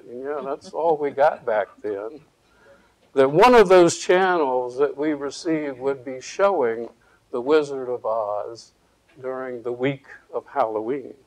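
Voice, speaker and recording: A man's voice: medium pitch, a little mellow, rough recording. A man in his sixties from Virginia preaching a sermon at a church pulpit. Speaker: pastor. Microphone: pulpit microphone.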